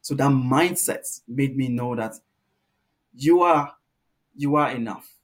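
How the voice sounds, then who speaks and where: Speaking slowly in a mid-range voice, a young man from Nigeria guests on a casual interview. He is a warm storyteller who goes on at length, laughs easily and fills his speech with ums.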